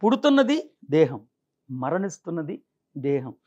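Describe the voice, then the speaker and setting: A man explaining scripture in an interview, reciting verses slowly and then answering his own questions. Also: fairly high pitch, very animated, darkish tone. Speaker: spiritual teacher, interview guest. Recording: dull lo-fi sound.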